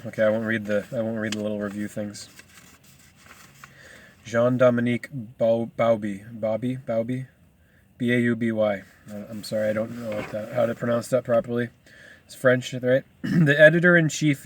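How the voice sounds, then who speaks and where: A man reads a book aloud in a loose, casual way, drifting off into chatty asides. He stumbles over unfamiliar names, and his pitch stays in a middle register. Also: a little hiss or hum. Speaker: reader. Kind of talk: casual rambling book reading.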